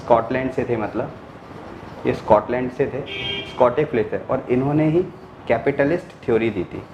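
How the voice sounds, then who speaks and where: A man's voice: medium pitch, moderate pace, echoey room, highs cut off, noisy background. A male teacher giving a lecture, explaining step by step, repeating key words and answering his own questions. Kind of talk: classroom lecture.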